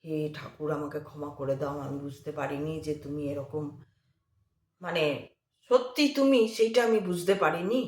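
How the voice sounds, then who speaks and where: A woman voicing an impatient young male traveller who scolds loudly in a raised voice. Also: low-pitched, normal speed, reverberant, lightly acted. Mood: remorseful.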